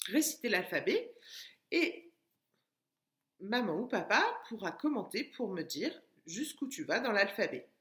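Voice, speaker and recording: A woman teaching a lesson to young children at home, speaking slowly and deliberately and encouraging them as she stretches out words. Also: medium pitch, fairly bright tone. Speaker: preschool teacher. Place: home, washing machine running. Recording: echoey room recording.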